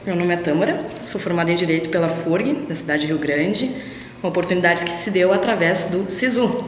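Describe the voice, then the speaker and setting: A young Brazilian woman with a mid-range voice appears as a podcast guest, reflecting on her studies in casual interview talk and often tacking on little tag questions. The lo-fi room is echoey with long reverb, plus a little hiss or hum.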